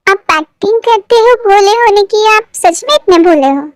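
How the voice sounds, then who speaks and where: A woman's voice: very high voice, animated, moderate pace, no room sound, studio quality, voice pushed up. A woman voicing a kind, teasing young woman boss in a fan fiction story read aloud.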